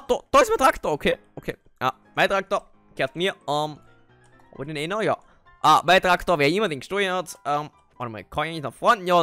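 A man's voice: fairly high pitch, fairly bright tone, dry recording. A man with an Austrian accent playing a Minecraft role-play, talking with many hesitant fillers and breaking into panicky yelps. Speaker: gamer.

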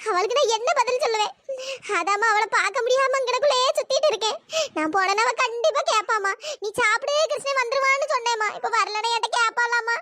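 Someone doing a crying old granny in a cartoon, super high chipmunk voice, wailing. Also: fast, sharp tone, dry recording. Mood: anxious, tearful. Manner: wailing, pleading with god. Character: grieving old grandmother. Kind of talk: pitch-shifted cartoon voice acting.

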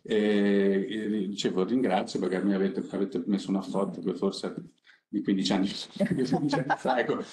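Seated at a panel table in an echoey conference room, a middle-aged man who directs innovation at his company talks through a project off the cuff. His voice is low and a little mellow, his delivery conversational and halting with many pauses, and faint background noise runs beneath it.

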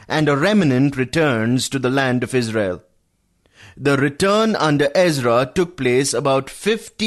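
A man teaching a verse-by-verse Bible study on the radio, calmly explaining and calling his listeners friends. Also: medium pitch. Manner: addresses listeners as friends, measured teaching pace.

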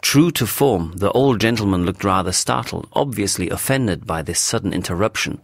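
A man narrating a story for English learners in a measured, clear storytelling voice. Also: low voice, expressive, dry recording, clean studio sound.

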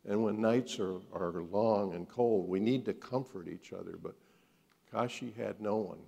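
Slow male storyteller in a hall. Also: lowish voice, gravelly, warm tone. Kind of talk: live storytelling to an audience. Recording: long hall reverb.

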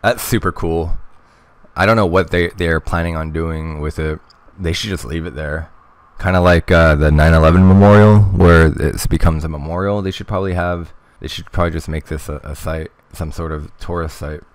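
Very deep-voiced man casually chatting. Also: steady tone, normal speed, dry recording. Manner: rambling, hesitant, lots of fillers and restarts. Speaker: host of a history news channel. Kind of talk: casual commentary reading articles.

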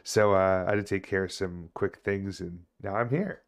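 A man in his thirties chatting casually on a game livestream, rambling haltingly and swearing now and then. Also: deep voice, vocal fry. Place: small indoor home room.

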